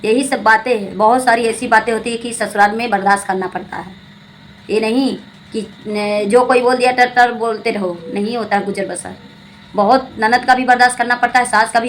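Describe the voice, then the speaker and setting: Woman vlogger, pitched a little high, lectures and scolds in a repetitive, preachy way. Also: fairly bright tone, a little hiss or hum, poor audio. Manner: scolding, preachy, repeats phrases, addresses viewers as friends. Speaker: vlogger commenting on a family channel. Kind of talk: casual spoken commentary to viewers.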